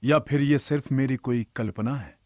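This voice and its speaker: A man's voice: mid-range voice, normal speed, a little mellow, no room sound, clean studio sound, natural voice. An actor playing a cautious male politician in a Hindi film dub, guarded and calculating. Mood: troubled. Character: cautious male politician worried about his party.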